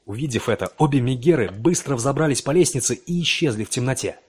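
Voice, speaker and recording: A man reading a horror tale in a measured, dramatic storytelling voice. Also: medium pitch, expressive, a little mellow, breathy edge. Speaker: audiobook narrator. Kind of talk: scripted dramatic narration.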